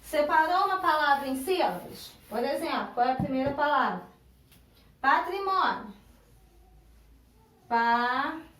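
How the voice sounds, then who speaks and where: A Brazilian woman with a Brazilian Portuguese accent teaches a grammar lesson, patiently splitting words into syllables and repeating them in a recorded online classroom. Her voice sits high and is animated and a bit bright, at normal speed, heard from a distance in an echoey room.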